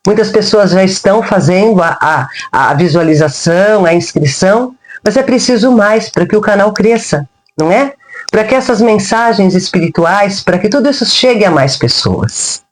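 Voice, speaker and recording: Brazilian woman storyteller, gentle grandmotherly narration, animated pitch. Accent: Brazilian Portuguese. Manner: gentle, slow, grandmotherly address. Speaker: spiritual storyteller. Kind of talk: first-person storytelling narration.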